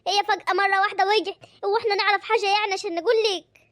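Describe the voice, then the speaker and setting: A woman plays a fretful middle-aged village mother with an Egyptian accent, her voice very high and her words quick. She pleads and frets over her family, and the sound is dry and close. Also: fairly even intonation, fairly bright tone, dry recording. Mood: worried. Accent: Egyptian Arabic. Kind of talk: amateur drama voice acting.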